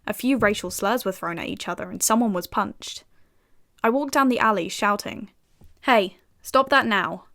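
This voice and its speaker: A woman's voice: medium pitch, normal speed, a bit bright, natural voice. A young British woman playing a self-assured FBI agent and narrating in first person with dry, sardonic asides. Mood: wry. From United Kingdom.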